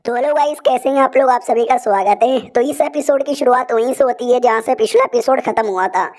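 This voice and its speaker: A woman retells a comic chapter in a relaxed, chatty recap, full of slang and asides. Her voice sits notably high. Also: fairly quick. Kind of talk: casual comic story recap.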